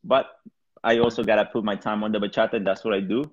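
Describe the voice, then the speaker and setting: A man's voice: on the low side, level tone, quick pace. A man from Peru, chatting casually as an interview guest. He rambles loosely, with lots of fillers and restarts. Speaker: salsa DJ guest. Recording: dull lo-fi sound.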